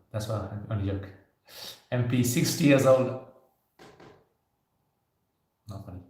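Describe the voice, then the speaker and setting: A man in his thirties hosting a casual livestream Q&A, talking loosely and joking with viewers. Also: mid-range voice. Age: 30s. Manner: conversational, loose, with frequent "you know" and light joking. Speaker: livestream host answering viewer questions. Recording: very echoey room.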